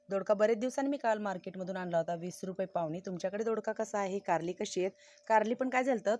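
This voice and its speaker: A woman chats in a homely way, as if talking straight to friends watching. Her voice sits at an ordinary middle pitch. The sound is close and dry, with almost no room around it. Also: a little mellow, no room sound. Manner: chatty, homely, talks to viewers directly. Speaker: vlogger. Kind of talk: casual farm vlog narration. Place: outdoors on a farm field.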